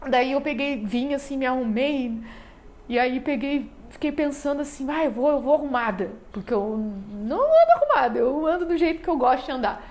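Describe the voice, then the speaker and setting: A church member with a southern Brazilian accent from Rio Grande do Sul gives an emotional personal testimony, nervous and rambling, full of fillers and restarts. Her voice sits high and sing-song, brisk and a little mellow.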